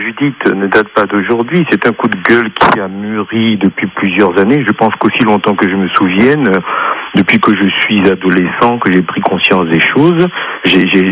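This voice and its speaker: A man's voice: on the low side, fairly bright tone, slight background noise, rough recording. A man from France calling in to a radio show, speaking with insistent passion and repeating points for emphasis. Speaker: radio caller. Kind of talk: radio call-in talk.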